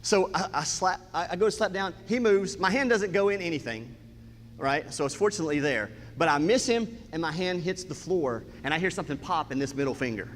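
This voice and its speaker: A man telling a comic personal story in an animated way, acting out the scenes as he goes. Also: on the high side, brisk, long reverb tail, slight background noise. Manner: animated, acts out scenes and quotes.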